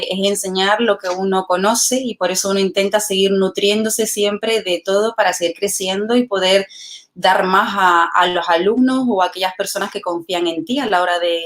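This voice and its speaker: A woman from the Canary Islands with a Canarian Spanish accent, a tango teacher chatting as a guest in an interview, talkative and quick to laugh. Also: medium pitch. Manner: chatty, laughs often, warm enthusiasm. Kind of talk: casual interview chat.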